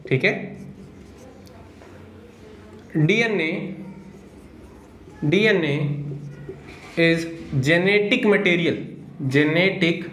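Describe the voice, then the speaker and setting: A man teaching biology to students, asking the class questions and answering them himself, and spelling out key terms slowly word by word. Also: high voice, a bit bright. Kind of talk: Hindi classroom lecture. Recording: echoey room with faint noise.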